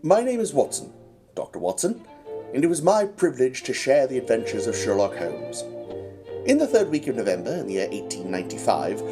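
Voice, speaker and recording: A genteel, patient Victorian doctor tells his tale in a radio drama, played by a man. He is formal and measured in his wording, with animated intonation at a middling pitch, and music plays clearly behind him. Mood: reflective, formal. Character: Doctor Watson, genteel, patient male companion and narrator. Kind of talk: radio-style audio drama acting.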